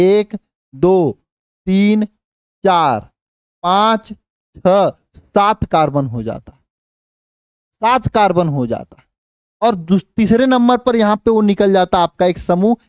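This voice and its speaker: In Hindi, a man teaches a live online chemistry class, counting aloud slowly, asking questions and repeating the answers. His voice rises higher and louder when he stresses a point. The recording is studio quality with no room sound.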